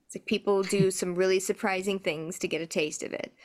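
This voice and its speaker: A woman's voice: mid-range voice, fairly even intonation, fairly quick. A woman co-hosting a podcast, recapping a TV episode in easygoing chat and laughing often. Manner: easygoing, laughs often, many "like" and "you know". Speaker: podcast co-host.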